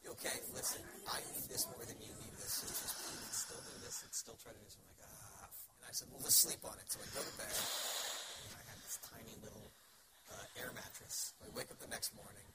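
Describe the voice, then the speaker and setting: A man's voice: lowish voice, flat delivery, a little fast. A man telling a rambling, crude, self-mocking personal story in a casual way. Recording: loud background noise.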